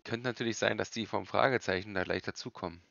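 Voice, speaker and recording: A low, creaky male voice with a bright edge, a man in his thirties streaming from home. He mutters casual game commentary in short phrases, and the sound is slightly dull. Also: fast talker.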